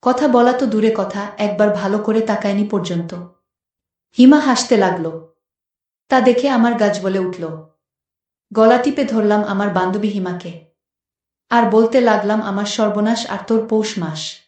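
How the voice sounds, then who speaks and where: A woman's voice: mid-range voice, a little slow, pauses often, a little mellow, far from the mic. A woman narrating a first-person story in a plain, conversational way. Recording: very echoey room.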